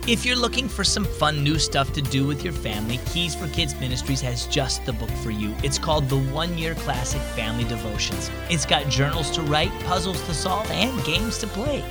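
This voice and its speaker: Animated male storyteller, gravelly edge. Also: on the high side, moderate pace, hardly any pauses, over loud music. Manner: animated storyteller voicing characters. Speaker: host of a children's devotional program. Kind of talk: scripted storybook narration for kids.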